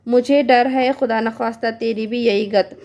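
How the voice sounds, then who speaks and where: Woman reading a fussing old mom, worried, even flat delivery. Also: a little high, measured pace. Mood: anxious. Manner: read aloud with little acting.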